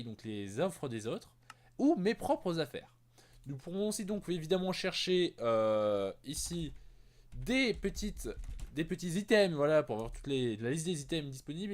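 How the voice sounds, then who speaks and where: A man's voice: fairly high pitch, darkish tone. A man playing a chatty male field reporter for an amateur gaming news show, stumbling over words and making joking asides.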